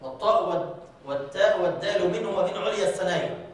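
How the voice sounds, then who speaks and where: A man teaching Quran recitation to a class, drawing out his recited examples slowly and often asking students whether they follow. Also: sits high. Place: large mosque hall. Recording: very echoey hall, from far off.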